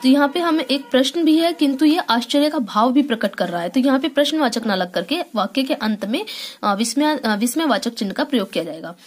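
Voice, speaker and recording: A woman with a voice pitched a little high teaches a school grammar lesson. She explains each point patiently, stops often with small hesitations, and keeps asking the class whether they follow. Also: animated, fairly quick. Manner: explains step by step with frequent hesitations and check-ins.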